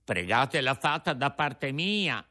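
A man's voice: medium pitch, sing-song, takes it slowly, sharp tone, exaggerated voice. A man voicing an impatient, desperate wooden puppet boy in a storybook reading, pleading in a raised voice.

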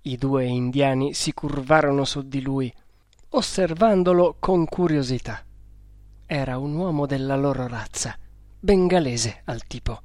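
A man narrating an adventure storybook in a slow, deliberate reading. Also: mid-range voice, darkish tone, no echo. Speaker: audiobook narrator.

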